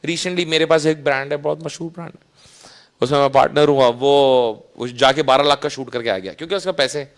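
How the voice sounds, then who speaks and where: A man's voice: mid-range voice, brisk. A man with a Pakistani Urdu accent, giving a casual, anecdotal talk to students and often checking 'right?'. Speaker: invited speaker.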